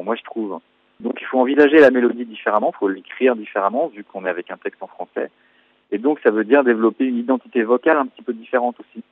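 A French man in his forties, a musician answering radio interview questions in a thoughtful, explanatory way, pausing on fillers. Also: mid-range voice, no echo. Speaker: musician guest. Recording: tinny phone-like line, dry.

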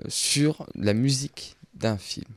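A man's voice: mid-range voice, lively intonation, takes it slowly, no room sound, studio quality. A man hosting a casual radio film chat, speaking hesitantly with many filler sounds and restarts. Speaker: radio host. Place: radio studio.

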